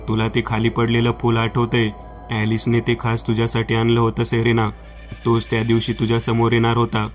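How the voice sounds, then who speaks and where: A man's voice: medium pitch, close to an everyday voice. A man doing a sorrowful woman of seventy. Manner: slow, sorrowful, confessing. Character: grieving woman of seventy, remorseful.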